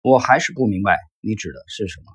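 A man reading aloud and voicing a composed, politely calm male speculator. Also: lowish voice, quick pace, breathy edge, no room sound.

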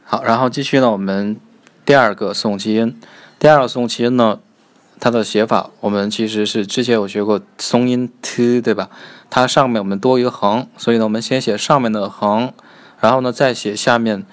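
A man teaching a Korean pronunciation lesson. He explains quickly, then slows right down to repeat each model sound several times. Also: fairly low pitch.

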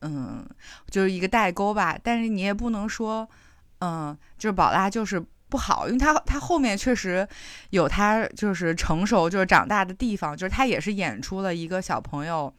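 A woman's voice: medium pitch, expressive, normal speed, no room sound, studio quality. A woman co-hosting a podcast, talking in a chatty, reflective way with many fillers. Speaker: podcast co-host. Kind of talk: casual chat.

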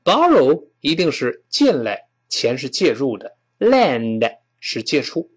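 Lively-voiced man teaching phrases. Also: medium pitch, breathy edge. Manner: explains patiently, models English phrases slowly and repeats them. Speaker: English teacher. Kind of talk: spoken English lesson.

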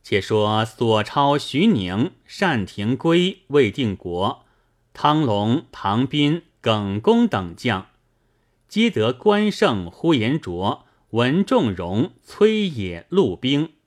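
Reading a classic novel aloud for an audiobook, this male narrator uses a mid-range voice. He tells the story in a measured, expressive way.

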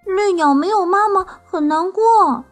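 A woman's voice: very high voice, measured pace, faint music behind, voice pushed up. A woman voicing a kind, eager little male wolf cub in a children's storybook. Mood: pleading. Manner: eager, pleading.

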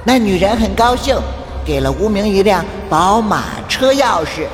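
Someone reading goofy comic captions, plain flat delivery, big echoey room, light music. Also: mid-range voice, moderate pace, natural voice. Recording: echoey, roomy, with faint music.

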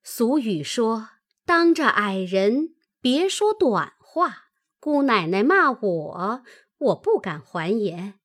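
A woman's voice: fairly high pitch, voice pushed up, heavily acted. A woman doing a wheedling, scheming sister-in-law. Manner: coaxing and wheedling.

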